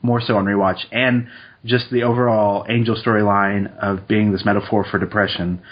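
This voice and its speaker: A man co-hosting a podcast in casual chat, relaxed and quick with asides. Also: fairly low pitch, dull audio. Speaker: podcast co-host. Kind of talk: casual chat, reading statistics aloud.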